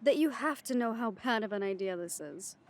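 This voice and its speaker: In an audio roleplay, a woman voices a sceptical, protective werewolf packmate, her fairly high voice animated and fairly quick. Her acting is light, and she delivers her lines in a pointed, questioning way. She sounds wry and exasperated.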